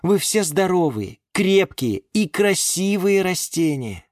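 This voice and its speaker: A man's voice: high voice, very animated, slow pace, darkish tone, dry recording, clean studio sound, pitched above the performer's own voice, exaggerated voice. Man voicing an exasperated young plant-keeper. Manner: reasoning, exasperated. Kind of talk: audiobook character voice.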